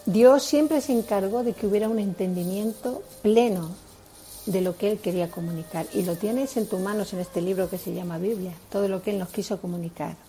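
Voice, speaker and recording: A woman with a Spain Spanish accent delivers a sermon on marriage. Her voice is warm and mellow, and she explains earnestly, stopping to ask her listeners rhetorical questions. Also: medium pitch, brisk. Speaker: preacher.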